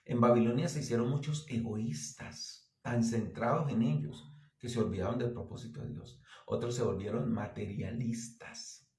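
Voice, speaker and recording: A man preaching a sermon as pastor, earnest and exhorting, with lively anecdotes. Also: mid-range voice, normal speed, roomy sound. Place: church.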